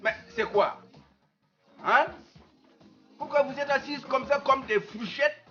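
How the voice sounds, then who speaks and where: An actor with a Burkinabè French accent, playing a flashy wealthy man who bosses hired women about loudly. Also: extremely high pitch, slow pace, highs cut off, soft background music, exaggerated voice. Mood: scolding. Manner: loud, commanding, showy.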